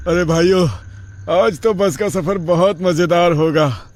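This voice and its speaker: A man's voice: sits high, a little slow, darkish tone. An actor playing a crude young male thug in a horror story, talking with a mocking, lewd swagger. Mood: leering. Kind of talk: dramatized horror story voice acting.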